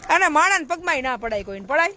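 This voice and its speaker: Woman, high pitch, outspoken live-stream talk, preachy and blunt, faint noise behind. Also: very animated, fast, sharp tone. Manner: blunt, preachy, rhetorical questions. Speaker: charity trust social worker.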